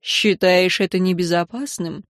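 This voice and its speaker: A tired emperor with a low, restrained delivery, his words held back and quietly bitter, as a woman narrator lowers her voice for him, in a dry audiobook reading. He sounds like a stern father who carries his worries without raising his voice. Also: measured pace, no echo, lightly acted. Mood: questioning.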